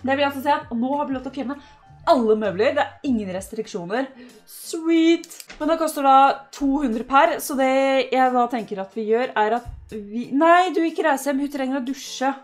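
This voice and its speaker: A young woman from Norway chatting casually through a life-sim game, cheering her sim on loudly at times. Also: sits high. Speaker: gaming YouTuber. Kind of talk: casual let's-play commentary. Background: faint game music.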